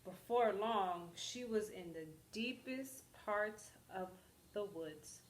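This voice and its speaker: A woman reading a children's story aloud as an expressive storyteller. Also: mid-range voice, slow, echoey room, a little hiss or hum, rough recording.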